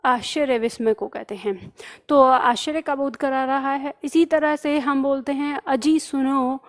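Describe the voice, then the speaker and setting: A woman's voice: sits high, steady tone, normal speed. A woman teaching a grammar lesson. She asks questions and answers them herself, and repeats key terms for emphasis.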